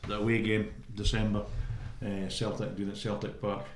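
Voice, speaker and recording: A man's voice: fairly low pitch, monotone, moderate pace, a little hiss or hum. A man with a Scottish accent chatting casually as he hosts a panel. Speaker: host putting questions to a panel. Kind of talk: casual chat. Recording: roomy, echoing room sound.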